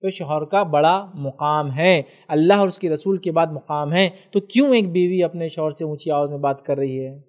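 A man's voice: a little high, normal speed, few pauses, darkish tone. A man from India answering a viewer's question in a religious talk, patiently explaining and often checking that the listener follows.

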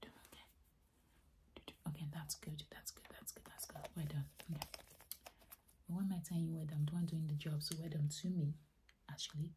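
Low voiced lady doing fast aggressive asmr, whispered role-play makeup artist, repeats words quick, bit of background noise. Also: little pitch movement. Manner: mostly whispering, slipping into low soft speech.

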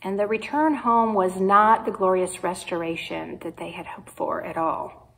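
A woman pastor with a Midwestern American accent, preaching a sermon in a slow, measured way with pauses. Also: medium pitch, fairly even intonation, vocal fry, fairly bright tone, low-quality recording. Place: church sanctuary.

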